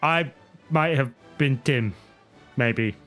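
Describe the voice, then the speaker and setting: A man's voice: medium pitch, slow pace, a bit bright, soft background music. A man co-hosting a podcast, chatting casually in a wry, teasing way. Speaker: podcast co-host. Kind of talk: casual chat.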